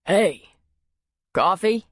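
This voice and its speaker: A woman's voice: medium pitch, animated, extremely slow, fairly bright tone, no room sound, studio quality. A woman narrator voicing a bartender who talks in a terse, guarded way.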